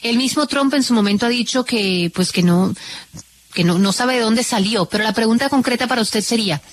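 A woman interviewer asking formal, measured questions on a broadcast. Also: fairly high pitch, a little hiss or hum.

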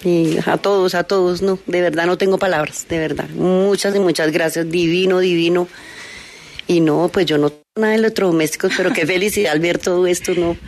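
A woman interviewed on site, halting and emotional as she gives thanks. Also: fairly low pitch, fairly even intonation, a little mellow.

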